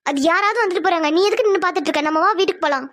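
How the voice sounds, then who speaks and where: A woman's voice: very high voice, rapid-fire, fairly bright tone, no room sound. A woman voicing an anxious middle-aged mother in a cartoon who hurries her daughters home. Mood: urging. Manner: pleading, insistent. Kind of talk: cartoon voice acting.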